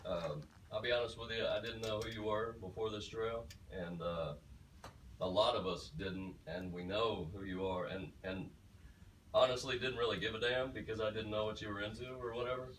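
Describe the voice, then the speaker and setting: A hesitant, frank man with a very deep voice speaks up from the audience. He sounds distant and roomy, with faint noise around him. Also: steady tone, moderate pace, fairly bright tone. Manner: hesitant, frank, many fillers. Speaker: audience member, long-distance hiker. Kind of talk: casual comment from the audience. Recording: echoey room from far off.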